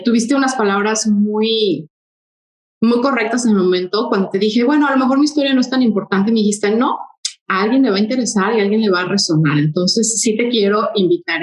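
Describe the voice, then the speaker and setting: A woman from Mexico City, a podcast guest, tells her story conversationally, with hesitant fillers and quick bursts. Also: medium pitch, echoey room, poor audio. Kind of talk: interview storytelling.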